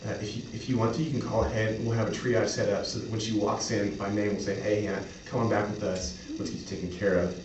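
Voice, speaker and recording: Deep-voiced man pitching in an echoey room. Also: flat delivery, fast, hardly any pauses, darkish tone. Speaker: clinic representative in an improvised role-play. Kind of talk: improvised sales-pitch role-play. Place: echoey room, mic at a distance. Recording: roomy, distant mic, faint noise.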